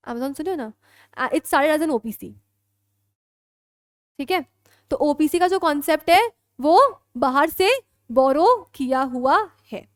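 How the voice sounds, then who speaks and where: High-voiced Indian woman teaching law. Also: dry recording, studio quality. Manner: mixes Hindi and English, keeps checking students understand. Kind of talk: classroom lecture.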